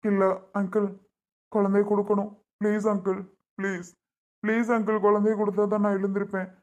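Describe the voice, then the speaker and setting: A woman's voice: mid-range voice, flat delivery, brisk, darkish tone, highs cut off, natural voice. A woman playing a desperate young husband who begs and pleads again and again in a family drama skit. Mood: begging. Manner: pleading, repeating a name over and over.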